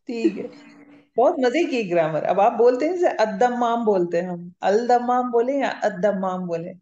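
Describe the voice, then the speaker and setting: A woman teaches a grammar lesson in a warm, mellow voice, patiently taking it step by step and pausing to check that everyone follows. The recording sounds roomy and a little dull and lo-fi. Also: mid-range voice, lively intonation. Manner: patient, explains step by step, often checks understanding. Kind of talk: classroom lecture. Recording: roomy, slightly muffled lo-fi recording.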